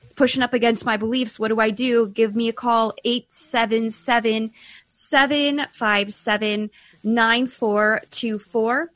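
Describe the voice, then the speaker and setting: A woman hosting a call-in radio show with a brisk, upbeat delivery. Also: a little high, fairly even intonation, a bit bright. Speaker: radio host.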